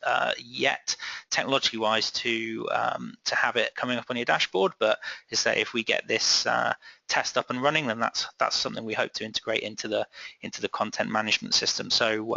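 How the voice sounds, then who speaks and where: A man moderates an online class and reads out questions in a halting way. His voice is gravelly yet bright and forceful. The audio is dry and a little dull. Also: medium pitch, no room sound. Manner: hesitant, many ums and uhs. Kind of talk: reading out audience questions.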